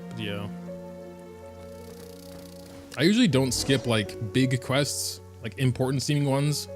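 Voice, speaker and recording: Faint music sits behind this live-streaming gamer from Germany, whose first language is German and whose accent shows it. Mid-pitched and speaking at a moderate pace, he muses aloud and wanders through casual commentary as he plays.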